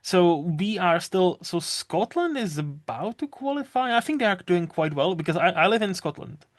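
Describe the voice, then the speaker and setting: This young man from the Czech Republic talks with a Czech accent, his voice sitting somewhat high. He rambles along in a loose, chatty way as a podcast host. The sound is dry and close, with little room. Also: big pitch swings, normal speed, dry recording. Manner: rambling, chatty, swears casually. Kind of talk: casual podcast chat.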